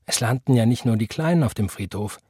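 A slight, cheeky boy, as a male reader plays him, with high, strained, defiant comebacks. The voice is husky and recorded dry and close. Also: lively intonation, fast, a little mellow, no room sound.

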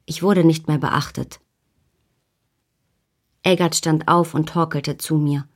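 A woman reads a first-person novel aloud in a measured, tense audiobook style. Her voice sits very low for a woman, steady and even as she carries the story. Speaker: audiobook narrator.

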